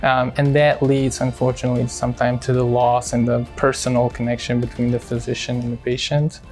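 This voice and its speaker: A man from Syria, a cardiologist speaking in a hospital profile interview, measured and halting with many fillers. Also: mid-range voice, completely flat delivery, a little mellow, faint music behind.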